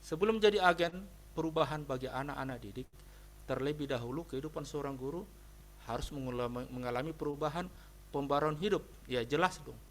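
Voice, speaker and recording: A man's voice: a little high, fairly quick, a little hiss or hum. A man preaching a sermon as a pastor, telling a personal story with emphatic delivery and often addressing his listeners directly. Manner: emphatic, repeatedly addresses listeners as brothers and sisters.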